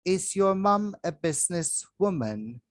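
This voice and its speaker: A man teaching English to children, reading a grammar worksheet aloud slowly with long pauses, recorded on a phone over a desk. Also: high voice, very animated, dry recording. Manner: slow, drawn-out reading with pauses. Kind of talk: slow worksheet walkthrough for children. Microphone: phone filming a worksheet from above.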